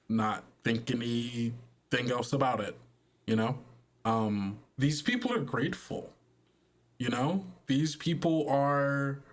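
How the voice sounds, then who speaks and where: A man serving as game master for a tabletop roleplaying game narrates haltingly and conversationally, with pauses. His pitch is medium.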